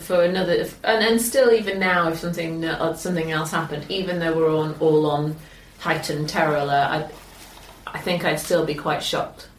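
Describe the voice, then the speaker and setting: A woman's voice: low voice, steady tone, normal speed, roomy sound, recorded from a distance, a little hiss or hum. A young woman who is a guest on a podcast, answering briefly and with some hesitation in a casual film chat.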